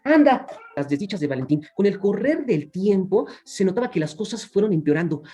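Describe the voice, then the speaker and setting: A man from Mexico with a Mexican accent, telling a children's story in a playful, expressive way and talking directly to his audience. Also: sits high, a little fast, soft background music.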